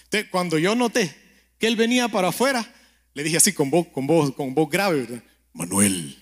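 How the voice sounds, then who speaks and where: A man preaching a conversational sermon and prayer, telling stories, speaking straight to the listener and often checking in with a quick question. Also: high-pitched. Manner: keeps asking the listener "¿verdad?".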